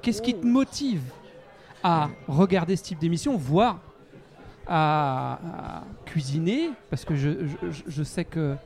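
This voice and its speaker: A man's voice: on the high side, lively intonation, takes it slowly, darkish tone. A man co-hosting a casual chat podcast, putting questions in a mock-formal way. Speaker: co-host asking questions.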